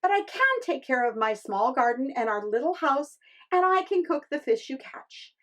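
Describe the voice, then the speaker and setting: A woman's voice: high voice, sing-song, normal speed, a bit bright. A woman voicing a bossy, discontented fisherman's wife in a storybook tale, with a dramatic, exclaiming delivery. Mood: relieved, earnest. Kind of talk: storybook character acting.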